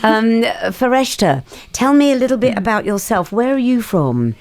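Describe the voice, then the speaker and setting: A woman's voice: a little high, sing-song, moderate pace, a little mellow. A woman presenting a radio interview in a studio, prompting her guests with short, encouraging questions.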